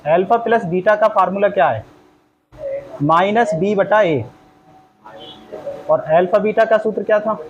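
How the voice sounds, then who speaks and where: A man's voice: high voice, slight background noise, rough recording. A man teaching a math lesson in a classroom, walking through each step aloud and quizzing the class with questions.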